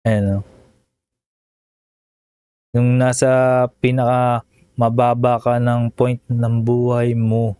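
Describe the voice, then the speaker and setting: A man's voice: mid-range voice, monotone, takes it slowly, long pauses, dark tone, faint music behind. A man vlogging casual reaction commentary over a video, chatty and emotional, often ending phrases with a questioning tag.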